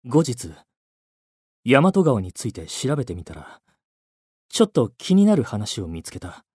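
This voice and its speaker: A man narrating a first-person ghost story in a scripted, hushed telling that sinks to near-whispers at tense moments. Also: mid-range voice, very animated, a little slow, slightly rough, dry recording, clean studio sound. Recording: faint music underneath.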